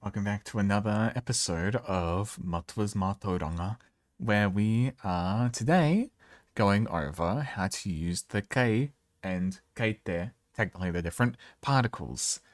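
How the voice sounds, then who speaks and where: A man's voice: lowish voice, animated, a little slow, dry recording, studio quality. A man giving a casual language lesson as host, talking with a box over his head and making self-deprecating asides. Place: garage.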